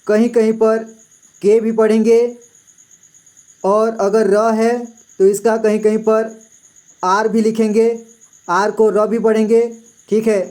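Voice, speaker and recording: Slow, patient male teacher. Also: high-pitched, dark tone. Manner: patient, repeats "theek hai" often. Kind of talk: slow classroom explanation.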